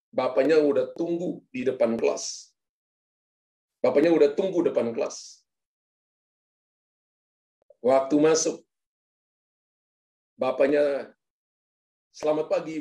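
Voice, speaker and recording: A man's voice: a little high, vocal fry, warm tone, echoey room. A male pastor preaching a sermon, telling a funny story and speaking directly to the congregation. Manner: playful, addresses congregation directly. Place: church.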